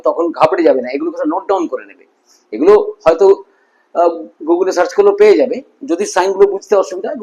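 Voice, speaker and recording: A man's voice: on the high side, a little mellow, low-quality recording. Bengali-accented man teaching English sounds. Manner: repeats words slowly and checks in with listeners often. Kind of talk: phonetics lesson explaining sounds and symbols.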